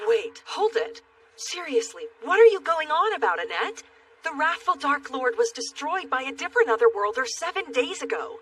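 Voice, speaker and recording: An actress playing a stern, judgmental temple priestess, forceful and disapproving, in an anime dub. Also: female voice, high-pitched, animated, brisk, hardly any pauses, recorded from a distance. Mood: incredulous.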